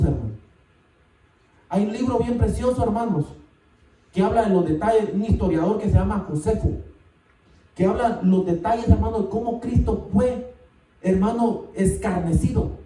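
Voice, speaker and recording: A man preaching a sermon, animated and calling out to the congregation often. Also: high-pitched. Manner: animated, calls out "hermano" often. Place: church sanctuary. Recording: echoey church from far off.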